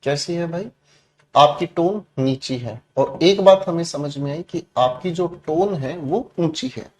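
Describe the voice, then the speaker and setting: A man teaching a classroom lesson, explaining with loud shouted example commands and calling the students "beta". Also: on the high side, unhurried.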